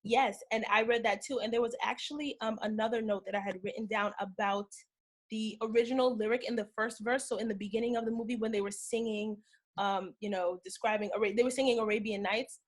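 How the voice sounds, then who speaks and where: A woman co-hosting a casual podcast chat, talking in an animated, emphatic way and laughing often. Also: a little high, a little fast. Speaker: podcast co-host.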